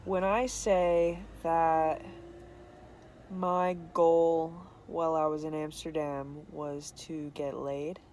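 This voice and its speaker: A woman's voice: deep voice, level tone, takes it slowly, a little mellow, slight background noise. A young woman vlogger telling a candid, self-deprecating story to camera, laughing often.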